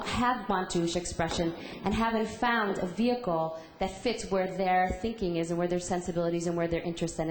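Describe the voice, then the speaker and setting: A woman's voice: mid-range voice, darkish tone. A woman speaking on a conference panel in an earnest, reflective way. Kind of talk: panel discussion answer. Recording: echoey conference hall.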